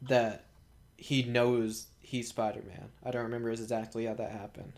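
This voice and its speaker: A man's voice: medium pitch, flat delivery, moderate pace, a little mellow. A man in a casual movie chat, laid-back, swearing casually and laughing often.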